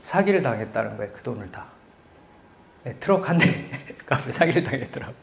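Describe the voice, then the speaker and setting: A middle-aged man preaching a sermon, telling stories with animated, loud quoted voices. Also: medium pitch, brisk, creaky, a little hiss or hum. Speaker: pastor.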